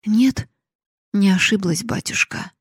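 A woman voicing a young daughter who calmly and firmly stands up to her father, read as an audiobook in a dry, husky voice. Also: mid-range voice, slow pace, no room sound. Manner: calm and steady. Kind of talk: audiobook reading.

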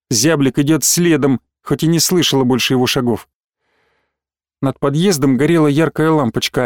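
A man reading a novel aloud as an audiobook narrator in measured, even storytelling. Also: a little high, dry recording, studio quality. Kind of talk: scripted narration.

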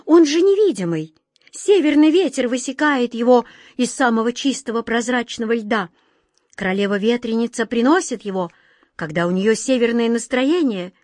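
A woman voicing a lively, touchy boyish whirlwind spirit in a storybook reading, with an excited, darting delivery. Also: a little high, normal speed, dry recording, clean studio sound, close to an everyday voice. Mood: cheerful.

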